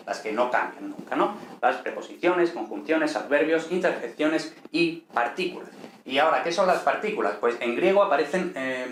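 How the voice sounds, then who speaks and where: A man, explaining a language lesson at an unhurried pace, with many checking questions and fillers. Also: on the high side. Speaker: teacher. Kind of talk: explaining ancient Greek lesson. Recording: echoey room with faint noise.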